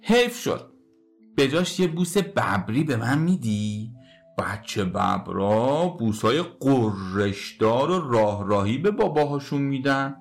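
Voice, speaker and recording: A woman voicing a kind, patient papa bear who gently coaxes his cub in a storybook reading. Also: a bass voice, lively intonation, soft background music, pitched below the performer's own voice. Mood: coaxing. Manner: gentle, coaxing, playful.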